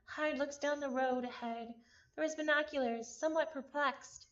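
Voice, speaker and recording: A woman's voice: sits high, steady tone, normal speed, lo-fi sound. A woman reading a visual novel aloud in a playful, theatrical manner, breaking off into chatty asides. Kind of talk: visual novel read-along with casual reactions.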